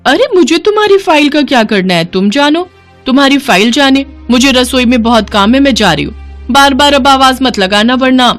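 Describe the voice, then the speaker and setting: A woman voicing a young daughter-in-law in a cartoon, quick, defensive and excitable. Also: high voice, soft background music, voice pushed up. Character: young wife, fibbing, flustered daughter-in-law. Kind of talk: cartoon voice acting.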